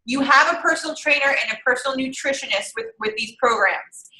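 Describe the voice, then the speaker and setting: Young female fitness coach, high bright voice, casual encouraging talk, roomy echo. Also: fairly quick. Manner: chatty, encouraging, thinking aloud through calculations. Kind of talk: casual online group coaching.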